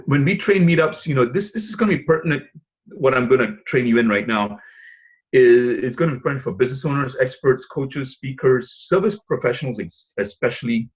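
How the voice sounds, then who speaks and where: A man raised in Singapore gives a webinar pitch for a business opportunity, rambling loosely with frequent fillers and light chuckles. His voice is mid-range and slightly rough, and the audio sounds dull.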